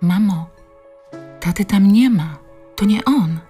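A woman's voice: medium pitch, slow pace, dark tone, faint music behind, voice pushed up, natural voice. A woman voicing a frightened adult daughter in an audiobook, speaking anxiously and pleadingly.

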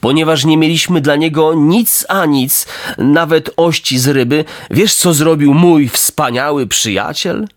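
Storybook fox, sly and flattering, slow drawl, put on by a male narrator. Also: on the high side, dry recording, studio quality, pitched above the performer's own voice, close to an everyday voice.

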